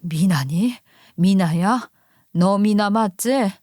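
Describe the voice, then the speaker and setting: A woman voicing a tearful, remorseful older mother who speaks slowly in a story reading. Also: medium pitch, darkish tone, no room sound, studio quality, close to an everyday voice. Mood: emotional.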